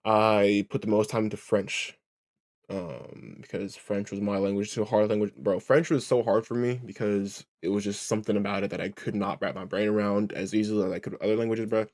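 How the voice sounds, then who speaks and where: Fairly low-pitched and darkish, with little pitch movement and a slightly fast delivery, this man does reaction-stream commentary. He rambles, restarts, swears freely, and over and over asks "right?" and "you know what I'm saying?"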